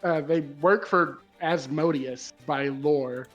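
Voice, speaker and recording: A man's voice: a little high, slow pace, fairly bright tone, dull audio, soft background music. A man who is a player in a tabletop game, talking casually through his moves.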